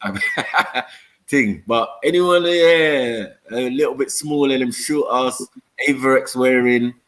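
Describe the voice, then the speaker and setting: A man's voice: mid-range voice, takes it slowly, a bit bright. A man with an urban London roadman accent, chatting casually in street slang and often repeating his phrases. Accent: London, urban multicultural street. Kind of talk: casual chat on a live show.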